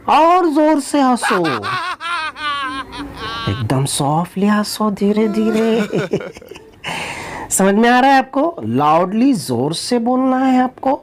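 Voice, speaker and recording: Woman teacher chanting lively action rhymes. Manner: chants English action commands slowly, then explains in Hindi; acts out loud and soft, high and hushed. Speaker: primary school English teacher. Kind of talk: online action-rhyme lesson for young children.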